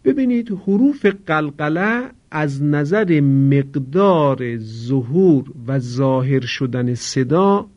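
A man teaching Quran recitation rules, explaining briskly, then chanting example words slowly for students to repeat. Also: fairly high pitch, animated, darkish tone. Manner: slow drawn-out recitation of example words between quick explanations. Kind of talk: tajwid lesson with call-and-repeat recitation. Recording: dull lo-fi recording.

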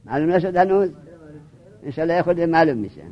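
Teacher, male, high pitch, drills and prods students through a grammar lesson; dull lo-fi recording. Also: expressive.

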